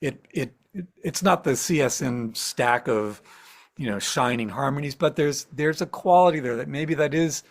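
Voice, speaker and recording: A man's voice: mid-range voice, normal speed. A singer-songwriter and music professor, a man, talking casually in an interview and acting out his own thoughts in quotes. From central Ohio.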